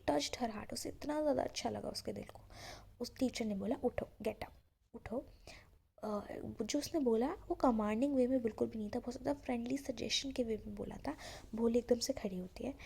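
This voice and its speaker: A woman teacher walks through a story line by line in a relaxed, chatty explaining tone, often slipping into half-whispers. Her voice is husky and gravelly, and sits a little high. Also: brisk. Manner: relaxed, retells each line and explains it, often says "you know". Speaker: English teacher.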